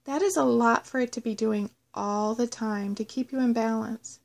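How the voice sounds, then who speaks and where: A woman narrating a scripted guided meditation in a measured, instructional way. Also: on the high side, fairly even intonation, vocal fry. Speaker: host of a guided self-love meditation audio.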